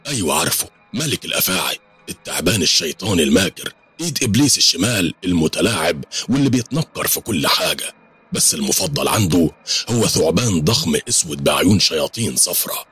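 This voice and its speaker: A man's voice: low-pitched, very animated, fast, fairly bright tone, breathy edge, no room sound, faint music behind, exaggerated voice. A man with an Egyptian accent voicing a vengeful young man set on a carefully plotted revenge. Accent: Egyptian Arabic. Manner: intense, determined.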